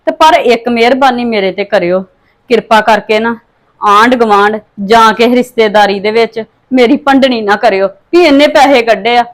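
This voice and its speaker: A woman's voice: a little high, close to an everyday voice. A woman playing a wronged daughter-in-law accused of theft, pleading and aggrieved. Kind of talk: family drama acting.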